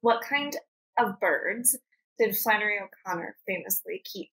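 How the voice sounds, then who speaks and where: Bright-voiced woman hosting a playful quiz. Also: medium pitch, animated, breathy edge, rough recording. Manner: playful, laughs often, quick asides. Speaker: podcast host and producer. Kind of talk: casual quiz chat.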